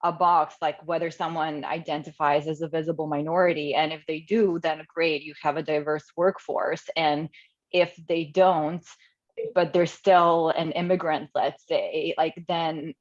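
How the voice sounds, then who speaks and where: This Croatian webinar attendee has a deep voice, a flat delivery, and a measured pace as she casually asks a thoughtful question over video call. Her phrasing is hedging and full of fillers, and the sound is muffled and lo-fi.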